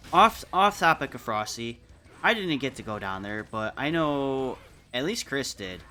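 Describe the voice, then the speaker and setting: A man's voice: mid-range voice, very animated, unhurried, sharp tone. A man hosting a casual community roundtable, teasing and laughing with the others. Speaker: host. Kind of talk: casual chat. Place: streamed roundtable on mic.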